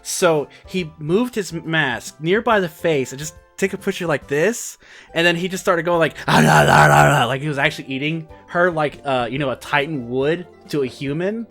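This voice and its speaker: A young man vlogger telling a story in a casual, rambling way, excitable and full of fillers. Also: a little high, normal speed, faint music behind.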